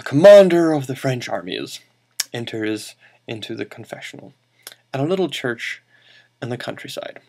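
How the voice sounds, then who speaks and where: A man's voice: mid-range voice, darkish tone. A man hosting a show and telling an improvised comic story, rambling, correcting himself and making playful asides.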